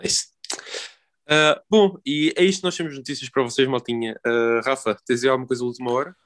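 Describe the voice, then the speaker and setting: A man's voice: medium pitch, fairly even intonation, quick pace, a bit bright. A man with a European Portuguese accent hosting a casual podcast chat, informal and often circling back over his phrases. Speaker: podcast host.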